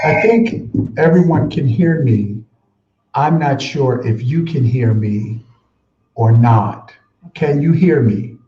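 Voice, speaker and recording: A man hosting a podcast interview, asking again and again whether his guest can hear him after the call drops out. He talks in a measured, formal way and keeps repeating himself. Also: mid-range voice, animated, background noise. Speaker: podcast host. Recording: lo-fi, roomy echo.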